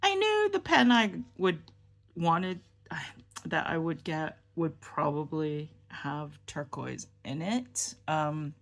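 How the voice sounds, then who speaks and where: A woman's voice: deep voice, expressive, takes it slowly, creaky. A woman vlogging about fountain pens in a casual show-and-tell chat. She sounds tired and subdued, rambling and hesitant, with many ums and restarts.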